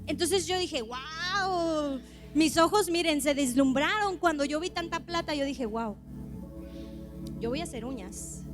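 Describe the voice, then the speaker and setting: High-voiced woman preaching over music. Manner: emotional testimony, rising to fervent appeals. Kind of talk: sermon.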